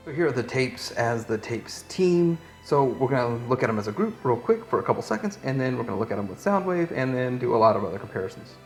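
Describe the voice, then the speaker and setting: A man with a medium-pitched, slightly mellow voice rambles easily through an unscripted product review. He thinks aloud while handling the items, and music plays behind him.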